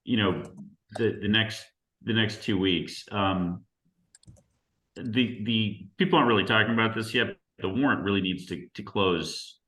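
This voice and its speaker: Deep-voiced man chairing a meeting. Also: bright, forceful tone, roomy sound. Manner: halting, filler-heavy, procedural. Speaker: committee chair. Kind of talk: chairing a town committee meeting.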